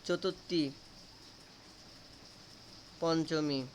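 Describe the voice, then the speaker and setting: A man's voice: fairly high pitch, fairly even intonation, drawn-out words, slight background noise. A man teaching a grammar lesson, asking students questions and repeating answers to drill them.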